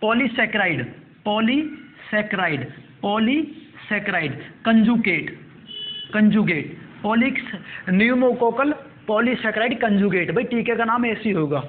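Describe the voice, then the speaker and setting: A male coaching teacher, dictating current affairs notes and repeating each term slowly. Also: high voice, expressive, a little hiss or hum. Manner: repetitive, drills terms slowly for note-taking. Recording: tinny phone-like audio.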